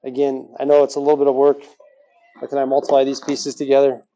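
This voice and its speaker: Mellow-voiced male math teacher. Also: medium pitch, monotone, quick pace, low-quality recording. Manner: quizzes the class with rhetorical questions, joking. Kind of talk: recorded classroom lesson.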